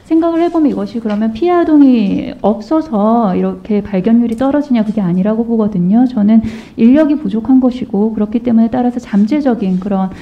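A woman's voice: a little high, brisk, hardly any pauses, lo-fi sound. A woman lawmaker questioning a minister at a hearing in a firm, pointed way. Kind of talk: parliamentary questioning.

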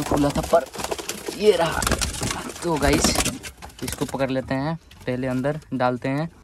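Brief: male pet vlogger, mid pitch, chatty to viewers, recorded outdoors with loud noise and pigeons cooing. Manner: chatty, keeps telling viewers "guys", then scolds angrily. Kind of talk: casual vlog.

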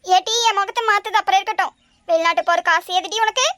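A woman's voice: extremely high pitch, quick pace, sharp tone, dry recording, clean studio sound. A woman voicing a bossy, scolding older mother-in-law in a cartoon. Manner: scolding, nagging. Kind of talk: cartoon voice acting.

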